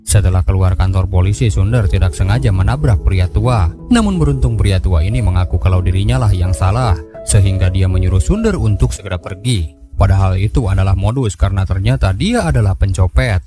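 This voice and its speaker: A man's voice: sits low, animated, a little fast. A man giving a scripted storytelling narration of a film recap. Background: background music.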